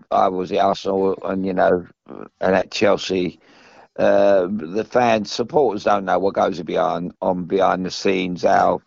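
An older British man in casual football discussion, halting and often restarting his phrases as a pundit. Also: lowish voice, gravelly, darkish tone, no room sound. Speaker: former professional footballer, pundit. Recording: dull, dry close recording.

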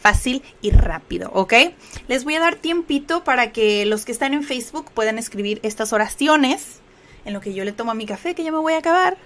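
A woman's voice: a little high, lively intonation, fairly quick, fairly bright tone. Chatty Mexican woman teaching English. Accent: Mexican Spanish. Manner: chatty, explanatory, with many filler checks like "¿ok?". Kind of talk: livestreamed English lesson.

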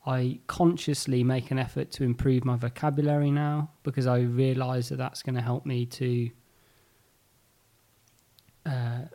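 A man's voice: medium pitch, little pitch movement, unhurried, warm tone. Joking, sarcastic man from England. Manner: sarcastic, joking, hesitant when explaining. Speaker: podcast guest. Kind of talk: casual drunk chat.

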